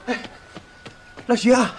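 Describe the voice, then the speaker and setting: A man's voice: slow, slight background noise, close to an everyday voice. An actor playing an agitated, indignant village man with a Northeastern Mandarin accent who stammers as he protests. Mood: alarmed.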